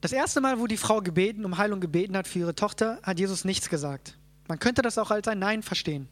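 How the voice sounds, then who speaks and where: A Bible teacher explaining a passage in plain, unhurried teaching talk. The speaker keeps checking in with the group with a quick "ja?". Fillers and restarts come often while thinking aloud. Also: mid-range voice, expressive. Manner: checks in with listeners, frequent "ja?".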